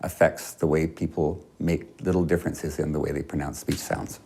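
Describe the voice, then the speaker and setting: A man's voice: extremely low pitch, level tone, normal speed, vocal fry, warm tone, slightly rough. A man researching speech, explaining sound differences precisely and demonstrating them in an interview. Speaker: linguistics researcher.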